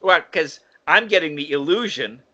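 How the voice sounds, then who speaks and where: A man's voice: on the high side, expressive, moderate pace, bright, forceful tone, dull audio. A man co-hosting a podcast, chatting casually in an analytical way and correcting himself as he goes. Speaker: podcast co-host. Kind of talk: casual chat.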